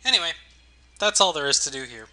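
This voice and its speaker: Very bright-voiced man doing game commentary. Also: on the high side, lively intonation, quick pace. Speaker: gaming video host. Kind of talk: casual let's play commentary.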